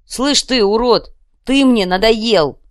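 A woman's voice: lowish voice, moderate pace, a little mellow, long reverb tail, natural voice. A woman reading an audiobook, voicing a brutal, contemptuous man who sneers and snarls. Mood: snarling rage. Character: brutal mocking male digger, menacing and contemptuous. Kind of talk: audiobook character voice.

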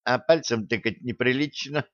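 A man voicing a cheeky, sharp-tongued teenage girl who snaps back indignantly, in a dull lo-fi audiobook recording. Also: medium pitch, moderate pace, no echo, lightly acted. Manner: indignant, snappy.

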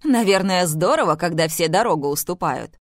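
A woman reading an audiobook voices an excitable, eccentric older mother-in-law with loud, exclamatory, bubbly lines. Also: lowish voice, normal speed, no echo, studio quality. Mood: excited.

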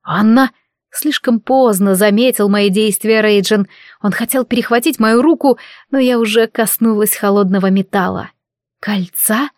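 A woman's voice: medium pitch, normal speed, dry recording. Woman reading a novel aloud, dry sound. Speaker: audiobook narrator. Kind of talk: first-person novel narration.

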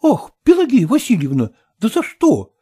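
Lady voicing a sighing meek guy, reluctant, kinda high. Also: huge pitch swings, moderate pace, slightly rough, full character voice. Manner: sighing, soft-spoken. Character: meek, sighing male heir, wheedling.

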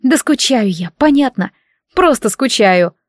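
A woman's voice: on the high side, expressive, a little slow, no echo, studio quality, pitched above the performer's own voice. A woman reading the lines of a tearful teenage girl from a village who keeps crying while she talks. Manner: sobbing, pleading.

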